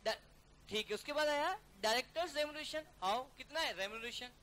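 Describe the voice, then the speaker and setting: A male accounting teacher giving a classroom lecture, briskly coaxing students to call out figures and mixing English terms into his talk. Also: very high voice, sharp tone, slight background noise. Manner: calls students "beta" and "yaar". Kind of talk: classroom lecture working through a problem.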